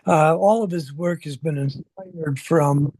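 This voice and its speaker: A man's voice: on the high side, unhurried, darkish tone, no echo, rough recording. A man speaking over a remote call whose audio keeps breaking up, giving hesitant auction commentary with many fillers. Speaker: gallery co-presenter. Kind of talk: casual auction preview commentary.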